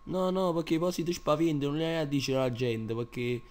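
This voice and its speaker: Man playing boastful gym tough guy, Neapolitan accent, crude street slang, fairly high male pitch, comedy dub. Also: a little fast, a little mellow, lightly acted. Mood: cocky. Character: cocky, touchy Neapolitan gym braggart. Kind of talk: comic parody dub.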